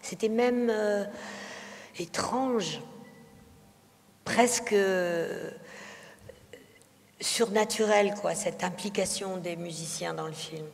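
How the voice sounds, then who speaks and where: A woman from France, a film director, answers interview questions at a festival talk. She speaks at an unhurried pace and hesitates a lot, with frequent fillers and restarts. Her voice carries a long reverb from the hall. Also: mid-range voice, creaky.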